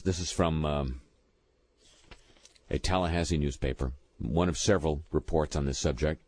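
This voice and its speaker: A man with a very low voice reads the week's odd news with sardonic asides. His pitch leaps around expressively as he mocks the stories. The sound is dry and close, with no room in it. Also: a little mellow, dry recording. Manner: reads news items with quips and small restarts. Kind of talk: wry news commentary.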